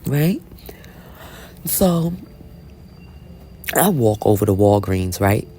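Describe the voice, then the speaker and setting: Animated gravelly-voiced woman telling stories. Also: rumbling low, unhurried, slight background noise. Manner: chatty, animated, constantly asks "right?"; blunt and unapologetic. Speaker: Bible reading vlogger. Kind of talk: casual storytelling commentary.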